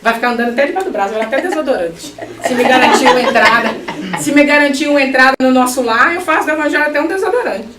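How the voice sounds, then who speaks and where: A middle-aged woman giving a spiritist lecture, animated, with joking asides to her audience. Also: high voice, racing, heavy background noise. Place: lecture hall. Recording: echoey hall, mic at a distance.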